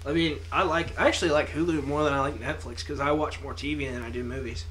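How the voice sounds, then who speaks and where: A man's voice: a little high, fairly even intonation, fast, fairly bright tone, a little hiss or hum. A young man co-hosting a podcast, joking around and laughing in casual chat, swearing freely. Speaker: podcast co-host.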